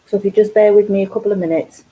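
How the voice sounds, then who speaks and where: A woman's voice: mid-range voice, steady tone, rapid-fire, warm tone, slightly rough, rough recording. A woman with a Geordie accent hosting a casual live craft stream from home, chatting and rambling with lots of ums. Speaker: craft channel host.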